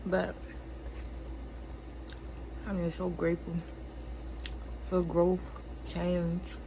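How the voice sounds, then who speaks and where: An American woman chatting in a rambling, casual and confessional way, candid and blunt, with emphatic, profane phrasing and a gravelly voice. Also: on the low side, monotone, very slow, warm tone. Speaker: vlogger. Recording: clearly noisy room ambience.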